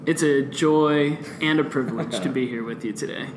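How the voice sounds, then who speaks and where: Relaxed man telling sports stories. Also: medium pitch, normal speed. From Guatemala. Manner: relaxed storyteller, many fillers like "um". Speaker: podcast guest. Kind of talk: casual podcast chat. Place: office boardroom. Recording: echoey room with background noise.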